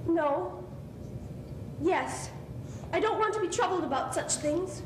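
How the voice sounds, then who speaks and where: Earnest young sweetheart, played by a woman for period stage drama, heard from far off with noise. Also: slow pace. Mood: flustered. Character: earnest, flustered, proud young woman in love. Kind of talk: amateur stage play acting. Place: theatre stage, indoors. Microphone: far camera. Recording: noisy, rumbling, echoey distant stage recording.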